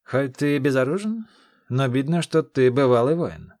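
A man voicing a haughty, scheming king who turns loud and strained when angered. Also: mid-range voice, animated, normal speed, dry recording, clean studio sound, pitched above the performer's own voice, natural voice. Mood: mocking. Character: haughty scheming male king, quick to rage.

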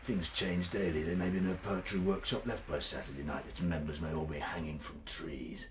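An actor playing a brooding, jealous villainous baron who swings between imperious outbursts and hushed whispers. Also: male voice, deep voice, fairly even intonation, normal speed, noisy background, lightly acted.

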